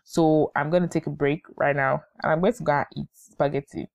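A woman's voice: low-pitched, fairly even intonation, a little fast, creaky, darkish tone, no echo, clean studio sound. A young woman with a Nigerian accent hosting a casual solo podcast, chatty and emphatic, repeating phrases for effect. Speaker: podcast host.

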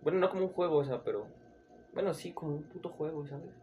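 A man's voice: a little high, quick pace, dark tone, muffled recording. A man with a Mexican accent in casual chat, crude and joking, heavy on slang. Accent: Mexican Spanish. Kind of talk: casual chat about anime.

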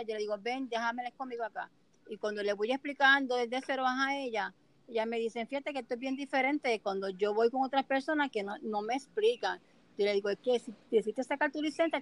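A woman chatting on a talk show, telling expressive anecdotes full of quoted dialogue. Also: fairly high pitch, rough recording. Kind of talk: casual chat.

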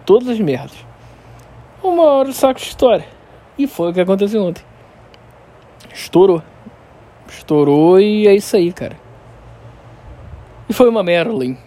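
A man with a Carioca accent ranting casually and unscripted in Rio street slang, swearing heavily, stammering and repeating words as he tells things in an animated way. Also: a little high. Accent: Carioca, Rio de Janeiro. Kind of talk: casual unscripted solo rant.

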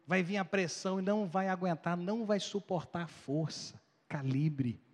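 A male pastor preaching a sermon with animated, dramatic storytelling. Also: high voice, moderate pace, long reverb tail.

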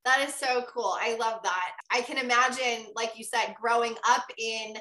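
An American woman hosts the conversation in a bright, forceful voice that sits fairly high. She gushes with enthusiasm and fills her talk with likes and you-knows, and her voice rings in an echoey room. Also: fairly even intonation, moderate pace. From United States. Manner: enthusiastic, effusive, many fillers. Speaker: podcast host. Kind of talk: casual interview conversation.

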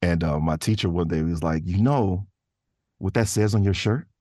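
This casual interview features a podcast guest who is a voice actor and artist, talking loosely with plenty of slang. He has a low, darkish voice at a normal speed, recorded cleanly in a studio with no echo.

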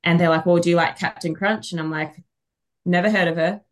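A low-pitched Australian woman, a fantasy author guesting on a podcast, tells funny stories a little fast in casual conversation. She's an animated anecdote teller who plays out the dialogue and exaggerates wryly.

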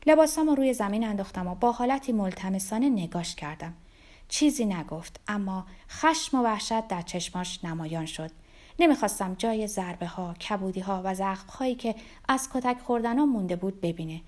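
A woman's voice: mid-range voice, lively intonation, a little mellow. A woman narrating a story in the first person, reading expressively.

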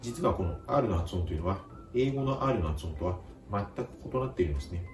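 A man teaching a vocabulary lesson, speaking calmly and slowly repeating each word with careful pronunciation. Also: low voice, roomy sound, far from the mic, faint music behind. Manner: slow, careful pronunciation drills. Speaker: language teacher.

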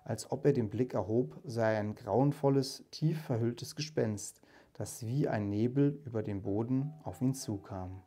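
Warm-voiced man reading a story aloud. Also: medium pitch, a little slow, husky. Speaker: reader and channel host. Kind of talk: audiobook reading.

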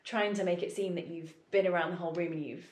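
Yoga studio manager, woman with a lowish voice, chatty and easy, roomy echo. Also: fairly even intonation, fast. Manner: chatty, laughs often, many fillers. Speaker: yoga studio manager judging teacher auditions. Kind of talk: casual podcast chat. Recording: roomy echoey recording.

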